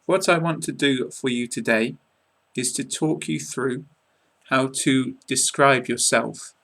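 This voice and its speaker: In a small room, an English man in his twenties delivers an online lesson to a webcam placed close by. His medium-pitched, slightly bright voice carries an English accent, and his teaching is clear and measured, with the odd casual aside.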